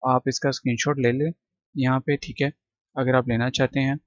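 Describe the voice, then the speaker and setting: A man teaching English vocabulary, reading synonyms in quick runs and checking in with short asides. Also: medium pitch, little pitch movement, dry recording, lo-fi sound. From Pakistan. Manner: reads word lists in quick runs, adds short checks like "theek hai". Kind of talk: vocabulary lesson explaining words line by line.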